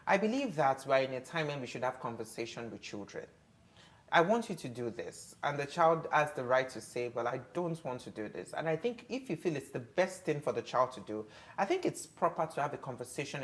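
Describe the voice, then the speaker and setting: A woman argues her views on a television talk panel. Her voice sits low, but her pitch swings widely when she acts out quoted speech. She is emphatic and opinionated throughout. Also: big pitch swings, a little fast. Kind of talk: studio discussion.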